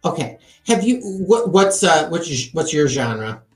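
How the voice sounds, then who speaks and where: A man's voice: a little high, big pitch swings, measured pace, roomy sound, soft background music. A man hosting an interview, asking curious, chatty questions with plenty of fillers. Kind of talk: casual interview chat.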